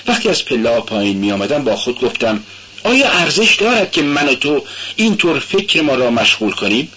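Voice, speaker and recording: A man reading aloud and voicing an excitable, loyal young male friend with an animated, eager, pitched-up delivery. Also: lo-fi sound, a little hiss or hum.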